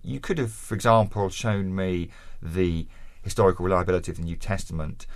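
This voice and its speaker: A man's voice: sits low, fairly even intonation, a little fast, no echo. A man from Essex with a southern English accent, answering interview questions in an articulate, considered, erudite way. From Essex, England. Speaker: interview guest, author.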